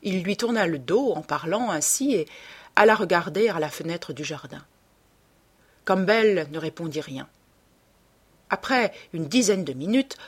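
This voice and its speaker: Woman reading an old novel aloud, lowish breathy voice, steady pace. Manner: measured, even storytelling. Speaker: audiobook narrator. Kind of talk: scripted literary narration.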